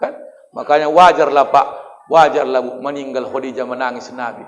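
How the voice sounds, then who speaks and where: A man's voice: mid-range voice, steady tone, normal speed, long reverb tail, muffled recording. A man with a Medan accent giving a joking sermon in a mosque, acting out little dialogues and quizzing the audience. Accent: Medan Indonesian. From Indonesia. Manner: joking, acts out dialogues, asks the audience directly. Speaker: preacher. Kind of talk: humorous sermon.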